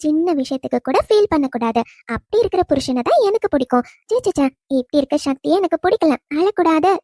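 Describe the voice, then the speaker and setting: A woman voicing the gentle, teasing spirit of a young wife in a cartoon, talking with affection to her husband. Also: sits high, expressive, fairly quick, no echo, clean studio sound. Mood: tender teasing. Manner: affectionate teasing, soft laughs. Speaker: dead wife visiting husband. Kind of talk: cartoon voice acting.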